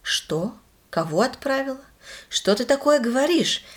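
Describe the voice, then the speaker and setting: A woman's voice: high voice, animated, measured pace, pitched above the performer's own voice. A woman voicing a bewildered, shaken man who talks in a confused, pleading way in a spoken story. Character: bewildered middle-aged husband, shaken.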